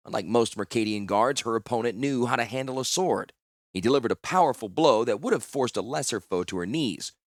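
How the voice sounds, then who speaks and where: Man, audiobook narrator, steady measured reading, low voice, dry close sound. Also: dry recording. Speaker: audiobook reader. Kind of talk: scripted narration.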